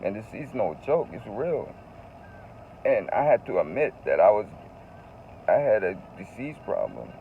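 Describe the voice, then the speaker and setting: A man's voice: lowish voice, very animated, a little slow, vocal fry, pauses often, narrow, tinny audio, a little hiss or hum. A man telling a personal story in a casual, confessional vlog, earnest and emotional, often repeating phrases for emphasis. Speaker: vlogger.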